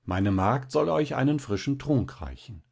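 A man's voice: medium pitch, expressive, measured pace, gravelly, a little mellow, breathy edge, pitched above the performer's own voice, exaggerated voice. Man reading as a doting village pastor.

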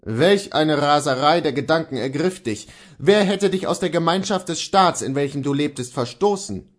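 A man's voice: a little high, animated, normal speed, voice pushed up, natural voice. A man reading the part of a stern, indignant male church reformer, scolding in thundering rebukes. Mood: indignant wrath.

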